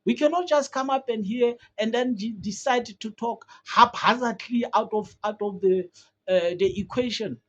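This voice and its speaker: A South African commentator delivering an opinion piece straight to camera. The talk is earnest and halting, full of repeated fillers and self-corrections, in a voice of middling pitch. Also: lo-fi sound. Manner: earnest, hesitant, many uh fillers and restarts.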